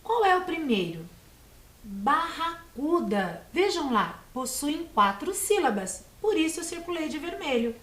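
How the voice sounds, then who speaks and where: A Brazilian woman teacher giving a video lesson to young children, patient and encouraging, sounding out words slowly. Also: sits high, sing-song. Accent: Brazilian Portuguese. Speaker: primary school teacher. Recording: echoey room.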